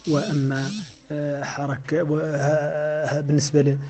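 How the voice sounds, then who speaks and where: A man's voice: on the high side, completely flat delivery, unhurried, dark tone. A man teaching the rules of a classical verse text on recitation, explaining them step by step with frequent hesitations.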